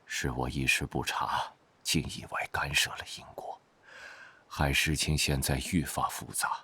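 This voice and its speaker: A man playing a solemn, weary old spirit with a raspy, breathy bass, sighing and speaking in archaic phrases in an audio drama. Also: level tone, bright, forceful tone, exaggerated voice. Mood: weary reproach. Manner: slow, sighing, archaic wording.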